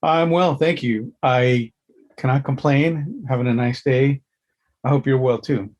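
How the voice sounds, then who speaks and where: A man's voice: mid-range voice, unhurried, a little mellow. A middle-aged man from Los Angeles, a concept artist guest in a casual interview, animatedly retelling a story and voicing his character's thoughts. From Los Angeles, USA.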